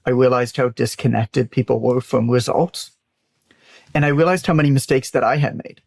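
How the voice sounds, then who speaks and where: With a creaky, darkish, medium-pitched voice and no room sound, a male business owner and author talks as an interview guest. He's candid and emphatic, swearing freely while he spins conversational stories.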